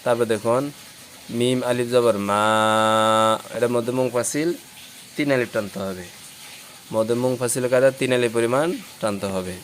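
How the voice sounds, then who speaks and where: A man's voice: mid-range voice, normal speed, long pauses, slight background noise. A man teaching Quran reading, patiently spelling out each syllable letter by letter and joining them into words.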